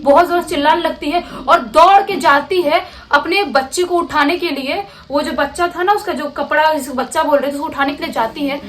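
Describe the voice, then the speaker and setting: High-voiced woman telling a horror story. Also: a little fast, hardly any pauses, fairly bright tone. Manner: conversational, gestures with words like "like this". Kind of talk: casual spoken storytelling.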